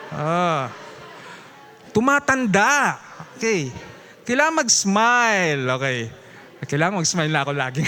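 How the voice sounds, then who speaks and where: A man with a Filipino accent teaching a Bible study, lively and chuckling, switching between English and Tagalog and prompting the congregation. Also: high voice, smooth. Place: church.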